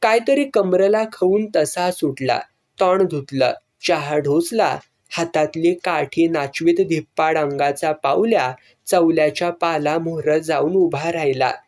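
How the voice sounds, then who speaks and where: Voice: mid-range voice, darkish tone. A narrator reading a serialized novel aloud in a rural storytelling manner. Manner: slow, storytelling in rural dialect.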